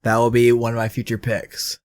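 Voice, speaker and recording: Young man co-hosting, animated and chatty. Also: medium pitch, fairly quick, no echo, studio quality. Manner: animated, acts out movie quotes. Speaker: podcast co-host. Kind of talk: casual chat.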